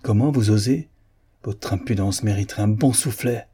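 A man reading a touchy young woman's lines in a period novel, sharp and indignant. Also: fairly low pitch, normal speed, husky.

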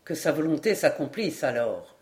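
A grave, dignified Patagonian man speaks slowly and solemnly, as a woman reading the story puts him on. His voice sits low and measured in an audiobook reading. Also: lively intonation, darkish tone.

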